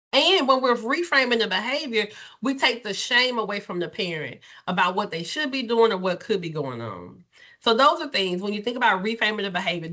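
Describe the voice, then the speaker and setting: A woman's voice: medium pitch, bright, forceful tone. A woman counselor leading a webinar for clinicians, teaching in a candid, chatty way and often checking in with "right?".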